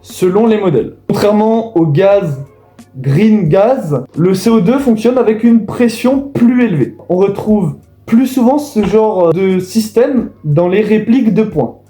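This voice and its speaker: A man's voice: high-pitched, expressive, a little slow, warm tone. A man explaining things to viewers in a casual voice-over. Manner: casual, addresses viewers directly. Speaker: video host. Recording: echoey room with faint music.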